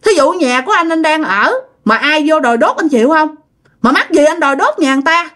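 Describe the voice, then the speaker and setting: A woman's voice: mid-range voice, lively intonation, a little fast, natural voice. A woman voicing an exasperated grandmother who protests and scolds a neighbor.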